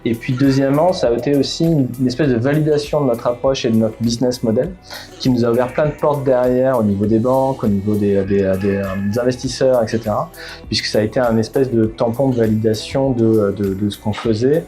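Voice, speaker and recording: Speaking a little fast at a mid pitch, this middle-aged startup founder from Bordeaux, France, gives interview answers in a warm, mellow tone. He hesitates often, restarting phrases and leaning on plenty of fillers, while faint music plays behind him.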